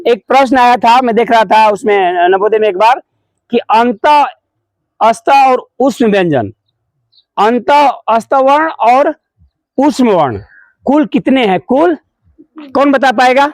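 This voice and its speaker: A male teacher with a strikingly high voice leads a morning assembly. He drills the children in call-and-response, repeating each word and posing questions he answers himself. The sound is close and dry, with no room echo. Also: expressive, slow, long pauses. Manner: repeats key words, calls pupils "babu"; mixes English words into Hindi explanation. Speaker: school teacher. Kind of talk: leading a morning school assembly lesson.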